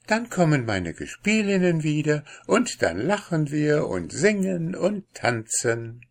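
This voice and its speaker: Storybook princess, young and carefree, bright and lilting, read by a man. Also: very animated, slow pace, vocal fry, full character voice. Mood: playful. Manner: bright, high and playful.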